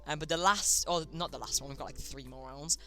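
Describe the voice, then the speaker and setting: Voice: medium pitch, a little fast, fairly bright tone, faint music behind. A streamer casually hosting a chat game live, chatty and often tripping over words.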